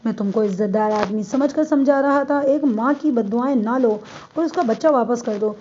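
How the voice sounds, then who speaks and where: Firm, patient male police inspector voiced by a woman reader, mellow higher tone, dull lo-fi audio. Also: a little hiss or hum, natural voice. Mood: stern. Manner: measured, firm, rising to commanding.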